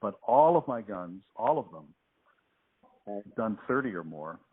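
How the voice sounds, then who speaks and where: A man's voice: fairly low pitch, very animated, a little slow, husky. A man talking on a phone call, laid-back and hesitant, with a patchy, cutting-out line. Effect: heard over a phone line. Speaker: artist taking a phone call.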